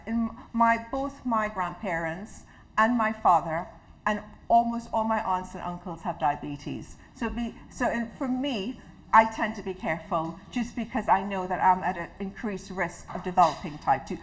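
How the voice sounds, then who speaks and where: In a community hall full of listeners, a health educator from Trinidad runs a chatty, personal health session that invites audience participation. She has a mid-range voice and a warm manner, frequently starting her thoughts over. The audio quality is rough.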